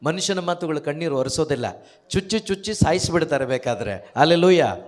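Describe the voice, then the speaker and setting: A man's voice: on the high side, lively intonation, fairly quick. A man preaching an emphatic sermon, firing off rhetorical questions and calling out hallelujahs.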